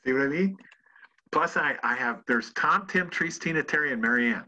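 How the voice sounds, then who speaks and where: A chatty man giving a relaxed talk to a group, stumbling through restarts and fillers as he goes. His voice is bright but raspy. The recording sounds dull and lo-fi. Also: mid-range voice, normal speed. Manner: chatty, self-deprecating, with many fillers and restarts. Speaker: presenter. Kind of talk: casual presentation talk. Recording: dull lo-fi audio.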